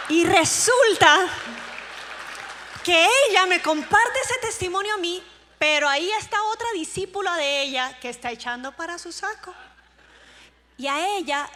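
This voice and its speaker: Costa Rican woman preacher, high voice, animated storytelling sermon, hall reverb. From Costa Rica. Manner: lively storytelling, jumps from hushed to loud. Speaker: conference speaker.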